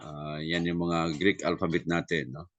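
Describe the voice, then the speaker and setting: A man leads a review lesson in a very low, unhurried voice. He sprinkles in fillers and tag questions and spells out sounds deliberately. The recording is close and dry. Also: level tone, fairly bright tone, dry recording. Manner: Tagalog-English mix, many fillers and tag questions. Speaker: Greek class teacher.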